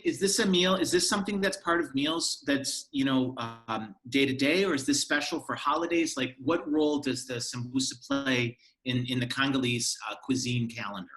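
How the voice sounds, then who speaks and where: A man hosts an online cooking series, opening with a formal introduction of his guest before moving into curious questions. His voice has a bright, forward edge. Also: medium pitch, moderate pace, few pauses, poor audio. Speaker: host.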